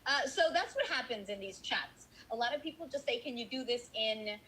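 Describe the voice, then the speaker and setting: Playful bright-voiced woman from Colombia. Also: fairly high pitch, normal speed, a little hiss or hum, rough recording. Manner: playful, animated, quotes lines in character voices. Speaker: voice actress guest. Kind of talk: casual interview chat.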